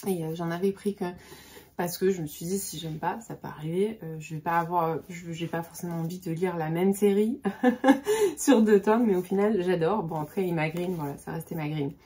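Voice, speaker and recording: A woman's voice: on the low side, normal speed, dark tone. A woman in her forties chatting casually about books on her vlog, hesitant with many fillers and restarts. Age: 40s. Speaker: book vlogger. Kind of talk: casual book vlog chat.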